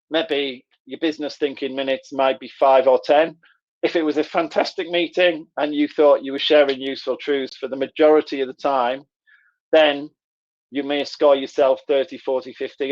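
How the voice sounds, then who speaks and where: A man with a Middlesbrough, Teesside accent explaining things conversationally as he presents an online workshop. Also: fairly high pitch. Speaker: webinar presenter. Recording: dull, lo-fi online call audio.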